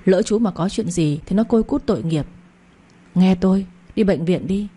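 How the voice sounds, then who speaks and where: A woman's voice: medium pitch, moderate pace, mellow, breathy edge, close to an everyday voice. A woman voicing a blunt, bossy older neighbor in an audio story, speaking in a brusque, scolding way. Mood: urging.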